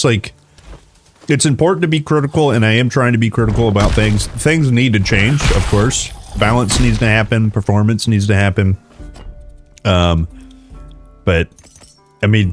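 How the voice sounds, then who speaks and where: A man streaming a game live, chatting casually in an informal, enthusiastic, rambling way. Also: lowish voice.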